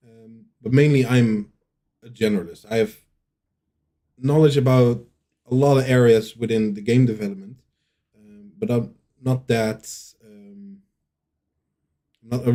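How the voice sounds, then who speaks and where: A man speaks as the lead developer in a relaxed Q&A. His voice sits in a mellow, darker register at an ordinary pitch. He talks haltingly, stacking fillers and restarting his sentences. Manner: hesitant, many fillers and restarts. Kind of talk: casual Q&A answers.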